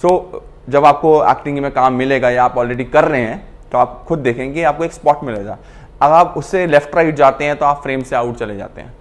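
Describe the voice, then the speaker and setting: A man's voice: medium pitch, brisk. A man teaching acting to camera, explaining in a casual mix of Hindi and English and acting out lines to show his points. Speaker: acting coach.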